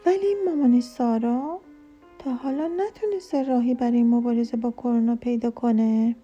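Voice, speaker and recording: A woman reading a children's book aloud in a soft, expressive way, sometimes dropping to a whisper. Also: fairly high pitch, muffled recording, soft background music. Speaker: storyteller.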